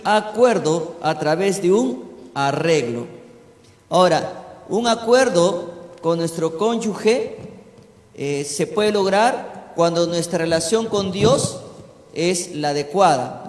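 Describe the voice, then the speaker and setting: A man preaching as a pastor, teaching a congregation and often checking in with "¿no?". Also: sits high. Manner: preaching with frequent "¿no?" check-ins. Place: church hall. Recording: echoey church hall with long reverb.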